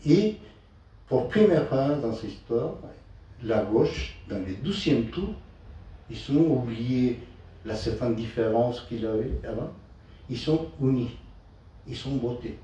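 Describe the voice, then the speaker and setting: A man with a foreign Spanish accent in French, improvising a political talk in halting, broken non-native phrasing. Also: mid-range voice, warm tone. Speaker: speaker at a political meeting. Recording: distant, echoey, dull muffled sound.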